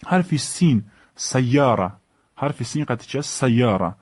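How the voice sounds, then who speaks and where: A man with a Tajik accent teaching the Arabic alphabet, saying each letter and word slowly and repeating it. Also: mid-range voice, animated, darkish tone, dry recording. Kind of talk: alphabet lesson.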